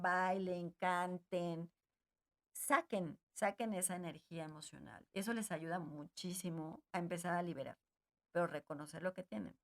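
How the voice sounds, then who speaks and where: A woman giving gentle, repetitive advice straight to her listeners in an emotional wellness talk. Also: fairly low pitch.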